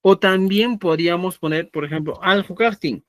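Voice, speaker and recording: High-voiced man teaching a language class. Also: normal speed, no echo, studio quality. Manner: explanatory, checks understanding with frequent "¿ya?". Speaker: Quechua teacher. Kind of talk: live online language class.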